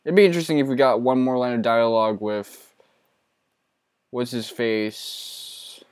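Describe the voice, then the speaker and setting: Smooth-voiced, laid-back gaming host. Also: male voice, medium pitch, fairly even intonation, a little slow, no room sound. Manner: laid-back, profane and self-mocking. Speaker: let's play host. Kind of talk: casual gameplay commentary.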